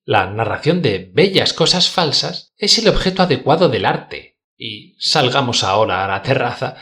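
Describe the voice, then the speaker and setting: A man reading a literary dialogue aloud in a measured, declamatory way with formal diction. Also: mid-range voice, a bit bright. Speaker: audiobook narrator.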